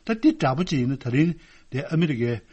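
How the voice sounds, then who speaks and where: Guy with a husky kinda breathy voice, rambling on about world news. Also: medium pitch, big pitch swings, moderate pace, darkish tone. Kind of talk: solo talk on world affairs.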